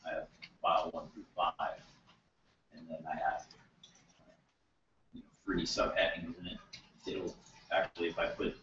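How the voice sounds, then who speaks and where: A man's voice: low voice, flat delivery, moderate pace, long pauses, heavy background noise. A man in the audience asking a question, hesitant and thinking aloud. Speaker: audience member. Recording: distant, roomy and muffled.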